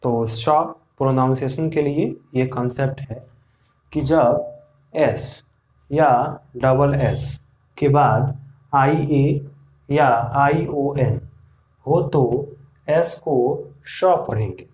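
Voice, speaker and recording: A man teaching an English pronunciation lesson, slowly repeating rules and asking the viewers questions. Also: mid-range voice, darkish tone. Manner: slow, repeats rules and asks the class questions.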